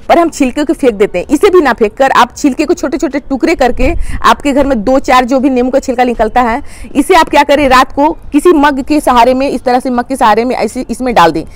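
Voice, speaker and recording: A woman hosting a gardening channel, calmly explaining plant care step by step and addressing viewers as friends. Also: high voice. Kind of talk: instructional how-to talk.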